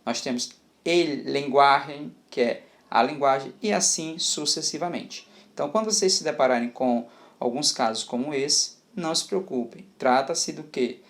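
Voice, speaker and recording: A man's voice: mid-range voice, normal speed. Guy teaching spanish in a video lesson, patient, keeps checking in, medium voice. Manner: patient, explanatory, frequent checking tags.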